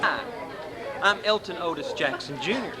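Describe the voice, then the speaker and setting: A man's voice: sits high, lively intonation, normal speed, over a noisy crowd. A man in his thirties introducing himself in a wry, slightly bossy way. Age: 30s. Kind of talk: casual self-introduction. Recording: crowded home camcorder video.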